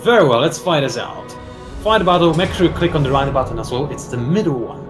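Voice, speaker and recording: A man narrates his turn in a strategy game, chatty and teasing as he explains units and tactics. His voice is slightly high for a man. Soft game music runs in the background. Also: lively intonation, fairly quick. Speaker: strategy game player, channel host. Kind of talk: casual gameplay commentary.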